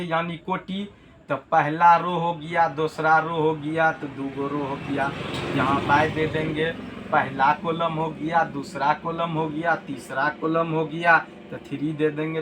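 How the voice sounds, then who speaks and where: A man's voice: on the high side, a bit bright. A man teaching a math lesson, repeating key terms and asking rhetorical check questions. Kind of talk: classroom lesson.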